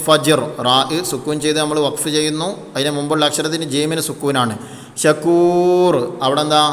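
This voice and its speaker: A man gives a patient tajweed lesson in a slightly high voice. He keeps posing questions and answering them himself. His voice trails off into a long reverb. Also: fairly bright tone. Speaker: Quran recitation teacher.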